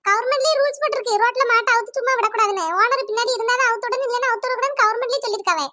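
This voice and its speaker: A woman's voice: very high-pitched, rapid-fire, bright, forceful tone, dry recording. A woman voicing a bossy village woman, lecturing and demanding.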